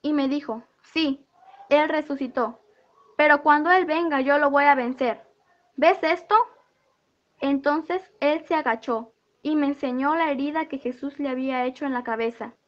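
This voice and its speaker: A woman's voice: high voice, normal speed, highs cut off. A woman giving an earnest spoken testimony in church, retelling a vision and quoting what each figure said to her.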